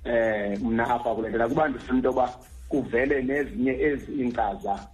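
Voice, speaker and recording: A man with a Xhosa accent gives a conversational explanation on air. He talks quickly at a medium pitch and often repeats the beginnings of words as he goes. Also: poor audio.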